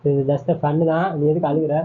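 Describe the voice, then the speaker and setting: A man's voice: on the high side, flat delivery, normal speed, phone-quality sound. A man hosting a home prank video, teasing and coaxing his wife in casual banter.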